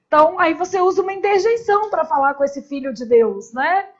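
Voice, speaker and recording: Chatty high-voiced woman grammar teacher. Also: fairly quick, dull audio. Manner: chatty, joking asides, rhetorical "né?" tags. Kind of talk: casual classroom lecture. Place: classroom.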